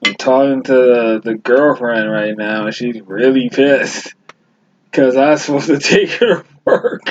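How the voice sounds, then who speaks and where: A man's voice: medium pitch, measured pace. A man co-hosting a podcast in casual chat, laid-back, recalling a night out. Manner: laid-back, chiming in with short agreements. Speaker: podcast co-host. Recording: dull lo-fi audio with faint background noise.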